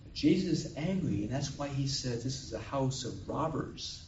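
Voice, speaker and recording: A man's voice: medium pitch, lively intonation, normal speed, darkish tone, slight background noise. A man giving a homily as a priest, telling a story and acting out the quoted voices. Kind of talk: homily at Mass. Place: chapel or church. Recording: echoey room, distant mic, dull sound.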